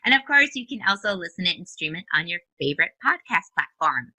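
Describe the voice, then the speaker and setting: Upbeat Minnesotan woman host, lowish pitch, bright and forward, dry close mic. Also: very animated, quick pace, no echo, poor audio. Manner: upbeat, chatty, laughs easily. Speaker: podcast host. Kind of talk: podcast interview.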